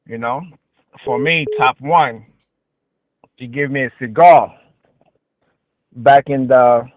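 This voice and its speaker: A man with a Queens New York accent calling in to argue politics casually, halting and repeating himself with slangy filler phrases. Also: mid-range voice, noisy background. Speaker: caller. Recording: tinny phone-like call audio.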